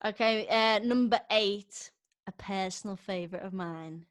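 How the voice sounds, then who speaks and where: A woman's voice: mid-range voice, a little slow, dry recording. Woman hosting a movie podcast, chatty and playful, dry close sound. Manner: playful, counts down a top ten list. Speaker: podcast co-host. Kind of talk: casual movie chat.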